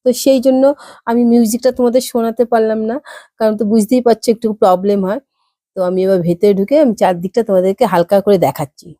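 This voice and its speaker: A woman's voice: fairly high pitch, quick pace, no echo, studio quality. A woman from Kolkata with a West Bengal accent, telling a story to her viewers in a chatty vlog style and acting out the dialogue. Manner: lively, acts out dialogue in voices. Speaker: vlogger.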